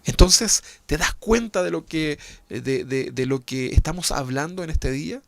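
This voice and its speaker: A man's voice: fairly high pitch, animated, normal speed, vocal fry, fairly bright tone, no room sound. A man pastor with a Chilean accent, preaching an emphatic sermon with rhetorical tag questions. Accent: Chilean Spanish.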